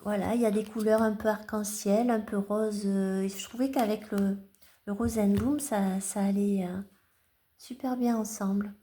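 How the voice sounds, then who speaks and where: A woman's voice: mid-range voice, fairly even intonation, moderate pace, mellow. A woman chatting at home in a casual vlog, showing her tarot cards, hesitant with many fillers and restarts. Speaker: tarot collector vlogger. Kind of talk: casual show-and-tell vlog.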